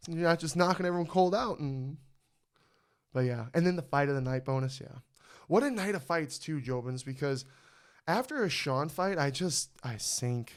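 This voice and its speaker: A young man hosting a podcast, chatting excitedly and swearing freely about a fight. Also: on the high side, normal speed. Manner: excited, profane sports fan talk. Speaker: podcast host. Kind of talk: casual chat.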